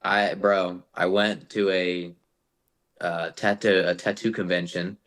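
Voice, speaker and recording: A young man, a metal vocalist guesting on a podcast, telling stories in a casual, animated and profane way, saying "bro" constantly. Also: low-pitched, slow pace. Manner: animated profane storytelling, says "bro" a lot. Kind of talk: casual chat.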